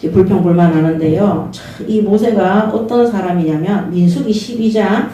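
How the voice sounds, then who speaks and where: A woman preaches, earnest and insistent, stopping often to pull her listeners back in. Her voice is mellow and dark, and it rings through a very echoey church hall. The mic sits some distance from her, with faint room noise behind. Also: mid-range voice, moderate pace. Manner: earnest, repeats short calls for attention. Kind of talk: sermon with Bible reading. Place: church sanctuary.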